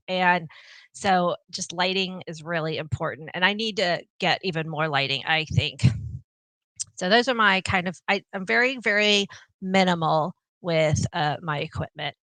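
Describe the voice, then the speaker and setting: A woman's voice: on the low side, normal speed, bright, forceful tone, no room sound, poor audio. A woman from Texas with a Texan accent, hosting a live question-and-answer chat with viewers of her cooking channel in a bubbly, chatty way, often laughing. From Texas, USA. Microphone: small clip-on mic.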